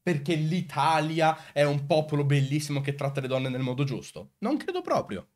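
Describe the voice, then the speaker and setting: A man's voice: on the high side, flat delivery, normal speed, a little mellow. Emphatic man commenting. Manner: emphatic, rhetorical questions to viewers. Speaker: video host. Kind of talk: commentary answering comments on recorded clips.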